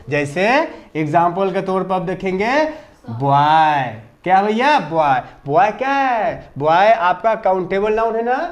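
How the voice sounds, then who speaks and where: High-voiced man drilling a class slowly. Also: dull audio. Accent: Hindi. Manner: call-and-response drilling, repeats questions to pupils. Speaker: English grammar teacher. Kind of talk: classroom lesson.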